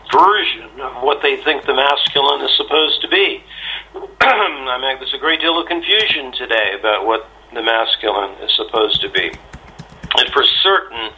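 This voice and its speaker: Guy answering interview questions, lots of ums and restarts, really bright sharp voice. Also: mid-range voice, poor audio. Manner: halting, many fillers and restarts, clears throat. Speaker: interviewee, shamanic astrology teacher.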